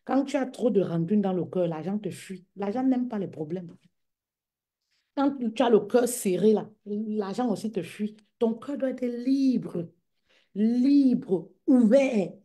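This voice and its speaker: A woman business coach in casual livestream talk, lively and repetitive, calling her listeners queens and mama. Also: mid-range voice, measured pace.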